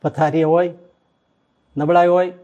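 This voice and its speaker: A monk delivers a devotional story sermon in a slightly high male voice. His telling is expressive and emotional, dropping to near hushes and then rising again. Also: a little slow, muffled recording. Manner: expressive, emotional, dramatic shifts in loudness. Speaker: monk giving a religious discourse.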